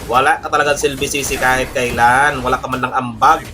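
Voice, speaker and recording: A man's voice: mid-range voice, brisk, over music. A young man, commentating his own gameplay live with brash, cursing trash talk and boastful bragging. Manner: boastful, mock-calm refrains. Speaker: gaming streamer.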